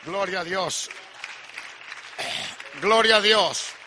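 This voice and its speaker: A man preaching a fervent sermon, swinging from hushed storytelling to shouted exhortation and mixing in English asides. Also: high-pitched, very slow, a faint crowd, a little hiss or hum. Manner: mixes Spanish with English asides. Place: church service.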